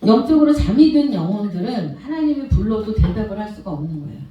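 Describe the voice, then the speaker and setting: A woman's voice: medium pitch, big pitch swings, quick pace, dull audio. A middle-aged woman pastor giving an earnest sermon, telling her story with emotional swells and at times choked up. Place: church sanctuary. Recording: very echoey church hall, voice far from mic.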